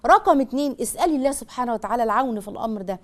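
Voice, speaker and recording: A woman's voice: on the high side, lively intonation, racing. A woman with an Egyptian Arabic accent hosting a call-in show, giving earnest, step-by-step advice straight to the listener. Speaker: call-in show host and counselor.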